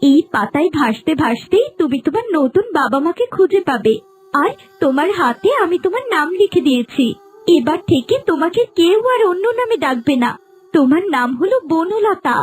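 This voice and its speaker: A woman's voice: sits high, lively intonation, moderate pace. Woman voicing a tender woman with a baby. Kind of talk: cartoon voice acting.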